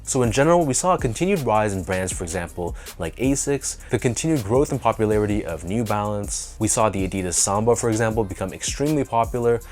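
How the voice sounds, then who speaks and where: A Canadian man hosting a sneaker review video, sounding nasal from a sinus infection, talking in a relaxed, enthusiastic way with drawn-out emphasis. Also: lowish voice, soft background music. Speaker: sneaker channel host. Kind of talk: casual review talk to camera.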